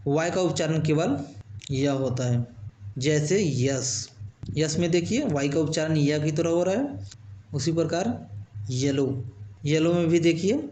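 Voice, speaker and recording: A male English teacher, patiently explaining letter sounds and repeating example words slowly. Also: on the high side, a little mellow, roomy sound, slight background noise. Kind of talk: alphabet pronunciation lesson.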